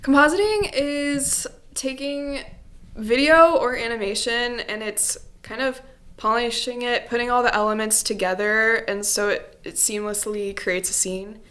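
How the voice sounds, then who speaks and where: A woman's voice: a little high, fairly even intonation, measured pace, fairly bright tone. A young woman chatting as a podcast guest, casual and easygoing, with lots of small fillers. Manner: chatty, laughs easily, trails off with fillers. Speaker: guest, compositor.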